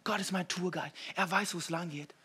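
High-voiced young preacher, loud then hushed. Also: male voice, fairly quick, slightly rough. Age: young adult. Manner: animated, swings from hushed whispers to loud shouting. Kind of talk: sermon. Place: church hall before a congregation.

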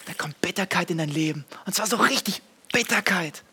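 A man preaching a live sermon on stage, asking the audience direct questions and building to loud, fervent passages. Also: sits high, brisk, husky.

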